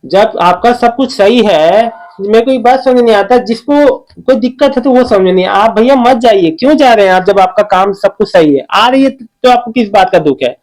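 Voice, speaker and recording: High-voiced man reassuring his viewers. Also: expressive, normal speed, hardly any pauses, darkish tone, low-quality recording. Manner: reassuring, repeats "okay" often, addresses viewers by name. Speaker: channel host answering viewer comments. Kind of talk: casual talk reading out and replying to comments.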